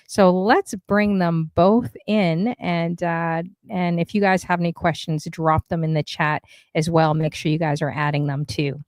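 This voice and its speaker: A woman's voice: fairly low pitch, steady tone, unhurried, few pauses, a little mellow, no room sound, studio quality. A woman from Canada hosting a casual livestream talk show, chatty and upbeat, with lots of fillers.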